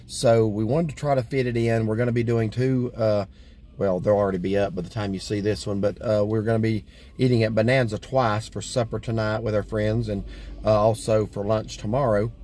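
A man's voice: fairly low pitch, fairly even intonation, brisk, mellow, a little hiss or hum. A middle-aged man hosting a casual food vlog, talking in a rambling, folksy way with lots of fillers, recorded inside a parked vehicle. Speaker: vlog host. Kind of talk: casual food review chat.

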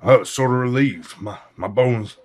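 An actor plays a genial, portly grandfatherly traveler in his seventies, chatting folksily and ramblingly in an audio drama staged as a casual interview. His voice is mid-range and a little mellow, his pace moderate, and the acting light.

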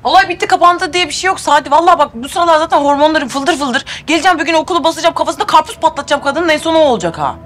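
An actress playing an excitable, quick-tempered pregnant housewife who talks to herself a lot. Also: female voice, fairly low pitch, slight background noise, close to an everyday voice. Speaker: pregnant wife. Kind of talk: TV drama acting.

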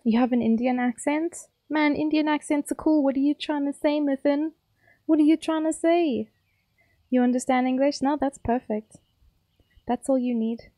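Streaming a game, a young South African-accented woman banters with her audience in a chatty, playful, teasing manner. She speaks at a normal speed in a high, mellow voice, with no echo.

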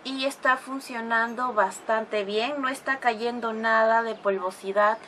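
A little slow and steady in tone, with a slightly high voice, a beauty vlogger explains each step of her makeup tutorial in a chatty way. Every so often she breaks into gushing exclamations about the products.

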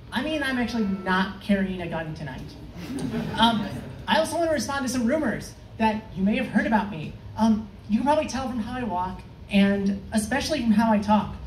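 A young woman performing a stand-up comedy set on a club stage, delivering dry, deadpan one-liners with the odd filler. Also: medium pitch, a little hiss or hum. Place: comedy club stage, in front of a live audience. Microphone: far room pickup, no mic held. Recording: echoey club heard from far off.

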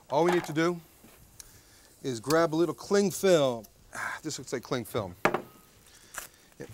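A man in his thirties with a fairly high voice hosts a jokey TV cooking demonstration at an outdoor backyard grill deck. He's chatty and playful, often ending lines with "okay?", and there's slight background noise.

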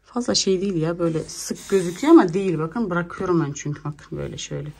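A woman's voice: on the low side, fast, gravelly, mellow, breathy edge. A young woman filming a casual home vlog, often slipping into sing-song baby talk with her little daughter. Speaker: vlogger.

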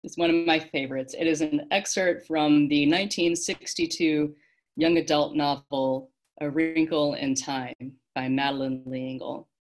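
A woman leading an online worship service, reading a story aloud in a measured, expressive way. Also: low-pitched. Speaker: worship leader.

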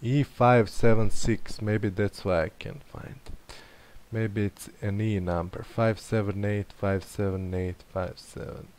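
A man's voice: on the low side, fairly even intonation, measured pace, few pauses, darkish tone. A man thinking aloud as he plays a map-guessing game, muttering and questioning himself. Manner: muttering, hesitant, self-questioning. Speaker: game streamer. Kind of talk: thinking aloud while playing.

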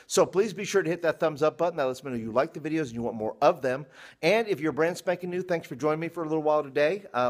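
Middle-aged man, American accent, upbeat youth pastor, chatty casual vlog delivery, slightly raised pitch. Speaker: youth pastor, show host. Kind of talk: casual vlog talk to camera. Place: large indoor youth room with stage. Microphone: handheld phone at arm's length.

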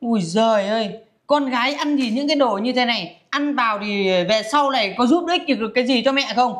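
A woman's voice: a little high, fairly quick, natural voice. A woman playing a middle-aged mother in a comedy family skit who favors her son and scolds her daughter, nagging and exasperated.

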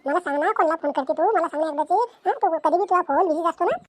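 A woman's voice: extremely high pitch, very fast, no echo. A woman voicing a suspicious, nagging teenage village daughter in a cartoon comedy, pressing questions over and over. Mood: pleading.

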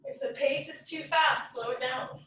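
A woman's voice: high voice, steady tone, moderate pace, fairly bright tone, a little hiss or hum. A woman fitness instructor leading a live home workout, counting down reps and cueing moves while out of breath. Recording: roomy echo from far off the mic.

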